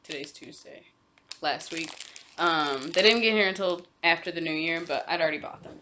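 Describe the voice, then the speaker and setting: Young woman, lowish voice, casual rambling chat, lots of ums, cross-stitch vlogger. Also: moderate pace, sharp tone, a little hiss or hum. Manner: chatty, rambling, many ums and self-corrections.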